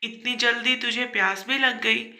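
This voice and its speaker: A woman's voice: fairly high pitch, steady tone, normal speed, bright, forceful tone. A woman voicing an irritable, short-tempered grown son who snaps in exasperation, in a storybook tale. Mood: irritated. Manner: snapping, exasperated.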